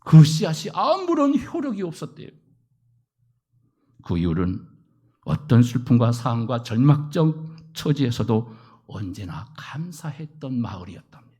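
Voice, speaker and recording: A middle-aged male pastor preaching a sermon, acting out prayers and quoted voices and swinging from loud declarations to hushed asides. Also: mid-range voice, huge pitch swings, a little slow, pauses often, husky.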